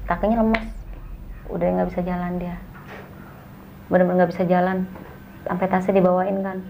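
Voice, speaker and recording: A young woman, telling a story as a guest in a casual, animated way and acting out the dialogue. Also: on the low side, moderate pace, vocal fry, slight background noise, rough recording.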